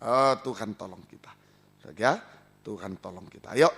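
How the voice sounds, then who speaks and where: A man's voice: lowish voice, lively intonation, moderate pace, gravelly, fairly bright tone, slightly rough. A man preaching as pastor, repeating his points and mixing exhortation with playful asides. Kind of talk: sermon. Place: church.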